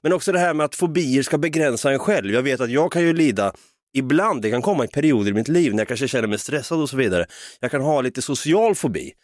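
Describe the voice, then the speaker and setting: A man's voice: mid-range voice, no echo, clean studio sound. A man co-hosting a podcast in casual chat, laughing often, swearing and telling stories with put-on voices. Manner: laughing, swearing, lively storytelling. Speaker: podcast co-host.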